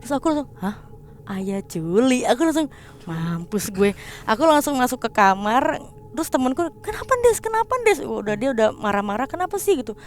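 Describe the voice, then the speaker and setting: A young woman talking as a guest in a casual chat, telling her story in a lively way and acting out the people she quotes in changed voices, mixing slang with English words. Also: a little high, fairly quick, slight background noise. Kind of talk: casual storytelling of a ghost experience.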